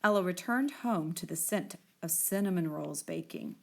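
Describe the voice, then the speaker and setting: With vocal fry and a fairly low pitch, a woman reads a picture book aloud to children, telling the story expressively at a normal speed.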